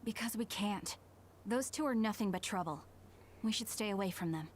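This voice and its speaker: An actress voicing a calm, firm young woman who watches over her younger sister in a video game. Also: mid-range voice, moderate pace, a little hiss or hum, lightly acted. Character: protective, level-headed young woman, older sister.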